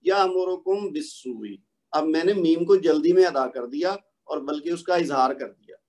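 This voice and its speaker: A man teaching Quran recitation rules in a recorded online lesson, explaining patiently step by step and slowly reciting the examples. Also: on the high side, darkish tone.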